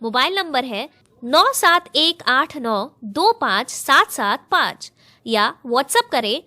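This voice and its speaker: High bright woman reading an ad. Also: animated, takes it slowly. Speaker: ad announcer. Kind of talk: read advertisement.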